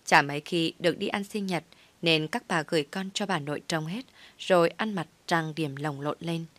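A woman reading a comic story in first person with a steady storytelling delivery. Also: deep voice, moderate pace, no echo.

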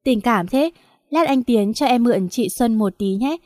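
A woman's voice: a little high, lively intonation, normal speed, darkish tone, no room sound, close to an everyday voice. A woman voicing a jealous, hot-tempered young man speaking in a sly, mocking way, in a dry-sounding audiobook.

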